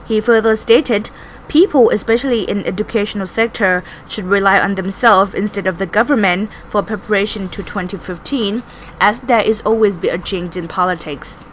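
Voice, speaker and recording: A woman's voice: mid-range voice, normal speed, slight background noise, poor audio. A woman with a Thai accent reading scripted news narration as a reporter.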